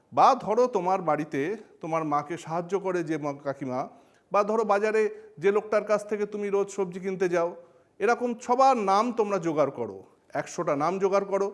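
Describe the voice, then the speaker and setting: A man with a Bengali accent explains grammar in a bright, high voice. He teaches in a playful way, tossing questions straight at his students as he goes. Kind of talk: educational explainer lesson.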